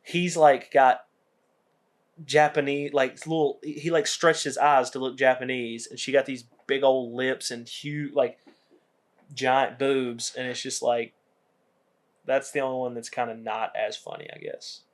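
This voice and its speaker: Young male podcast co-host, laid-back, animated storyteller who acts out the quotes. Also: medium pitch, unhurried. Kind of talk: casual chat, retelling movie scenes.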